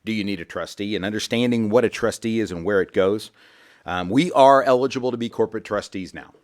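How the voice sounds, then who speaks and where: A man hosting a financial radio show talks at a quick pace in a fairly low voice. Broadcasting from a studio, he rambles folksily, repeats his words, and turns casual conversation into a sales pitch.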